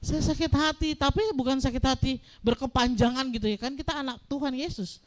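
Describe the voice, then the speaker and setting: Middle-aged woman pastor, high voice, lively storytelling sermon that acts out the dialogue. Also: fast talker. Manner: animated storytelling, acting out dialogue.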